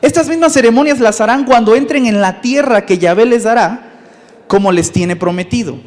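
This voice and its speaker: High-voiced Mexican pastor preaching in a church. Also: male voice, normal speed. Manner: lively, conversational preaching with rhetorical questions. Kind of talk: sermon. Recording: long reverb in a church hall.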